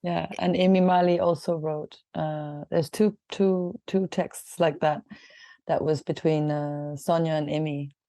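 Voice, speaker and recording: A woman's voice: low voice, steady tone, a little slow, dark tone, dry recording, studio quality. A woman from Kenya in her forties, a guest artist talking casually in an interview, chatty, with fillers, restarts and frequent laughs.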